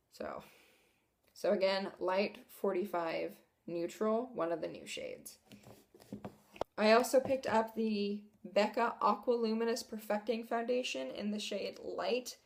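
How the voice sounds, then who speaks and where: A woman's voice: mid-range voice, a little slow, vocal fry. Chatty young woman reviewing makeup. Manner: chatty and enthusiastic, laughs at herself. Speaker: beauty vlogger. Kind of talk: casual product haul review.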